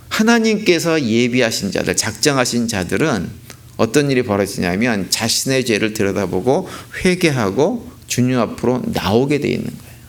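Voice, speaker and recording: A man preaching a sermon as a pastor, asking rhetorical questions and repeating key points for emphasis. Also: medium pitch. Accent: Korean. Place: church sanctuary.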